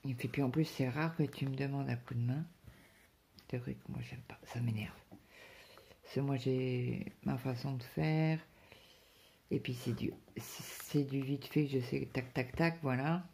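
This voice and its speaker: A woman's voice: rumbling low, measured pace, creaky, a little hiss or hum. A middle-aged woman telling a chatty story about her day, acting out bits of talk and dropping to a whisper at times. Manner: chatty, quotes her husband in lively bits, drops to whispers. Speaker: crafting vlogger. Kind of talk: casual chat, storytelling.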